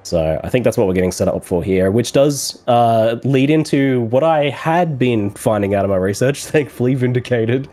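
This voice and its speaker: A man with a scratchy voice from a cold, commentating an esports race in a measured, analytical way with some fillers. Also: medium pitch, lively intonation, dark tone, faint music behind.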